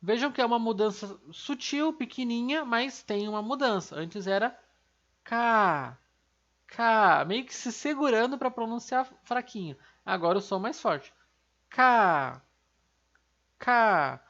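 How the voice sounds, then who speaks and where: A woman's voice: fairly high pitch, normal speed, hardly any pauses, muffled recording. A woman teaching an online language lesson, explaining step by step and asking and answering her own questions.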